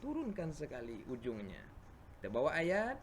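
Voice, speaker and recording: A man with an Indonesian accent teaching children Quran recitation, patiently explaining and answering his own questions, chanting verses slowly and loudly. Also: fairly high pitch, huge pitch swings, slight background noise.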